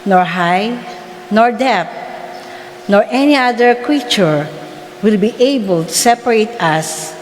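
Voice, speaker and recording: A woman reads scripture formally in short, deliberate phrases. Her pace is very slow, and her voice carries a long church reverb over faint background noise. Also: mid-range voice, lively intonation. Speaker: lector at Mass.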